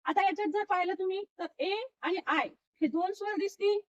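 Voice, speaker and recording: Lady teacher, really high voice, sounding out letters slow, kinda muffled lo-fi audio. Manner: patient, sounds out letters slowly one by one. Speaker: English teacher. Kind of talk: classroom lesson explaining phonics.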